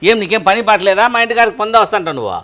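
A man in a comedy skit mocks and dismisses his neighbor at a very fast clip. His voice is fairly high, and he sounds amused and scornful. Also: sing-song, bright, forceful tone.

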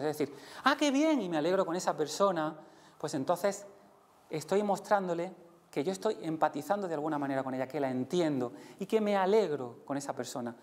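A male conference speaker with a Spain Spanish accent talks to a live audience in a lecture room. He is animated and demonstrative, pitching his voice up and down to act out emotions as he teaches. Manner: lively, demonstrates voices with big pitch jumps.

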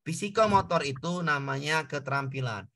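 Bright, high-voiced male tutor. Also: normal speed. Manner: explains exam answers, repeating points and addressing students. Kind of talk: online class lesson.

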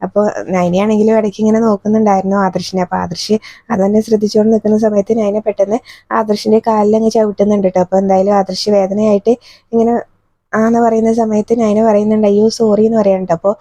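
A woman from Kerala retelling the plot of a TV serial in casual, fast speech, with frequent fillers. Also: medium pitch, little pitch movement, dark tone, dry recording, muffled recording. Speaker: TV serial recap reviewer. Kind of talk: casual spoken episode recap.

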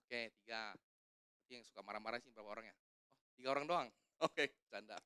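A man's voice: lowish voice, fairly quick, pushed and bright, clean tone, no room sound, studio quality. A man preaching a conversational sermon at a church service, casual and joking, putting questions to the congregation. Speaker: evangelist preaching.

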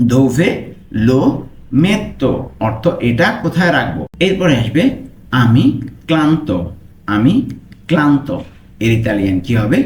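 A man tutoring a language lesson, repeating each phrase and stretching out the foreign words slowly. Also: fairly high pitch, darkish tone, roomy sound.

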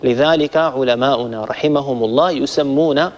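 A man teaching Quran recitation, patiently explaining each point step by step and slowly demonstrating the sounds to a group of listeners. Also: medium pitch. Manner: addresses listeners warmly as a group. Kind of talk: instructional lesson on pronunciation. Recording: long reverb, dull lo-fi sound.

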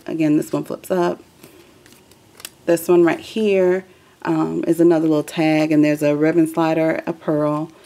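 Low gravelly woman chatting through a craft. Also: warm tone. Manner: chatty, loose, many ums and asides. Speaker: craft video host. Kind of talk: casual craft walkthrough.

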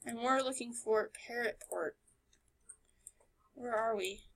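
A woman narrates her game playthrough in a screen recording voice-over, offering casual, playful and sarcastic commentary. Her fairly high voice is a bit bright and slow.

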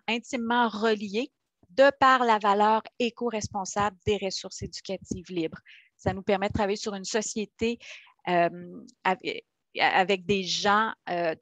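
A woman's voice: mid-range voice, a bit bright, dry recording. A woman from Quebec with a Québécois French accent hosts an online webinar, talking in an enthusiastic, chatty way with frequent hesitations, heard over a video call. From Quebec, Canada. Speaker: webinar host. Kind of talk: live webinar moderation.

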